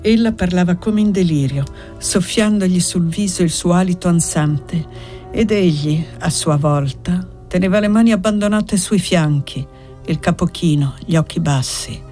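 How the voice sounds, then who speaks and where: A woman narrating a novel in a measured literary reading. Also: lowish voice, dark tone, faint music behind. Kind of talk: audiobook narration.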